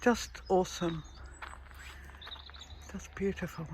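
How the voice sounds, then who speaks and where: Her voice is lowish with a darkish tone as she strolls a hilly rural road, filming herself on a handheld camera. The New Zealand vlogger sounds a bit breathless but unhurried and full of admiration, with ambient outdoor sound in the background.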